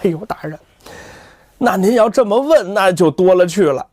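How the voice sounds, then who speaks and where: A man's voice: high voice, animated, moderate pace, darkish tone, no echo, studio quality. A male storyteller voicing a nervous young gossip who stammers and pleads. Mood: nervous pleading.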